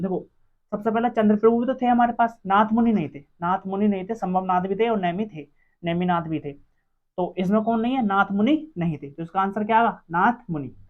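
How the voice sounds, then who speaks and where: A teacher running an exam-prep quiz lesson, asking each question aloud and answering it, repeating every answer several times. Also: medium pitch. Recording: dull lo-fi recording.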